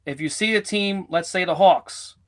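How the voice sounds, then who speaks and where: A man's voice: sits high, normal speed. A rambling, joking man co-hosting a podcast. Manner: joking, rambling, teasing his co-host. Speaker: sports betting podcast co-host. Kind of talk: casual banter.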